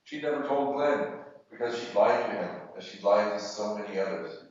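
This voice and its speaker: A man reading fiction aloud at a literary event, measured and deliberate with pauses, in a university hall. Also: fairly low pitch, lively intonation. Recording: echoey hall, distant mic, muffled.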